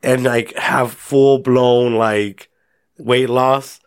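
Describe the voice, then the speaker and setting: A man's voice: mid-range voice, flat delivery, extremely slow, clean tone. Joking man chatting on a podcast. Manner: joking, self-deprecating. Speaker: podcast co-host. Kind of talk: casual chat.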